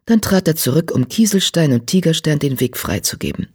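An audiobook narrator reading a story in an even, measured way. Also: medium pitch, breathy edge.

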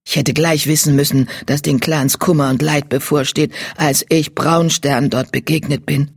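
Weary old she-cat in a storybook reading, low and breathy, close and dry, put on by the narrator. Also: fairly even intonation, moderate pace, dry recording. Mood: rueful.

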